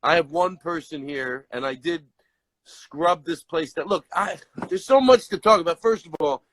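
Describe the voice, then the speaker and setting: A man's voice: fairly high pitch, normal speed, fairly bright tone, slight background noise. A man guesting on a casual comedy stream, talking in a playful, joking, mock-vain way.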